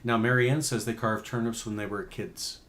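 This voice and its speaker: A man co-hosting a live stream in casual chat, passing on viewer comments and shout-outs. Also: on the low side, steady tone, normal speed. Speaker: co-host reading viewer comments.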